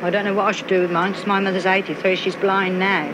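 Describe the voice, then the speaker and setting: Quick, anxious village man with a high voice. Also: level tone. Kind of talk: interview answers. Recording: noisy old film soundtrack.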